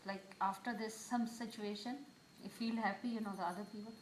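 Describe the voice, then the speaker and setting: A woman from India, chiming in from the audience in an animated, laughing way. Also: mid-range voice, brisk, a little hiss or hum. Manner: animated, laughing, quoting gossip. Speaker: audience member. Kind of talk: conversational comment. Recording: echoey hall, far from mic.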